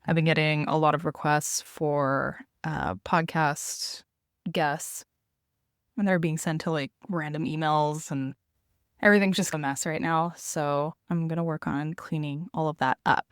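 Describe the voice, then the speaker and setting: A woman with a notably low voice hosts a podcast from inside a small trailer. She talks casually and takes her time, with a very slow pace. The sound is close and dry, with hardly any room to it. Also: fairly even intonation, clean tone, dry recording. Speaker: podcast host. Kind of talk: casual solo podcast intro, chatty.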